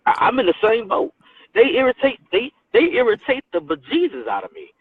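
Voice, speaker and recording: A man's voice: very high-pitched, wildly swooping pitch, fairly quick, breathy edge, no echo, phone-quality sound. A man joining a Bible study discussion, agreeing with the others and chiming in with his own view. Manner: affirming, chimes in with agreement.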